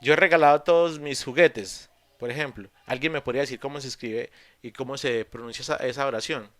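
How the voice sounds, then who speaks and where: A man teaching English in an online class, explaining patiently step by step with pauses and fillers. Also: medium pitch, fairly even intonation, fairly bright tone, no echo. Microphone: computer mic on a video call.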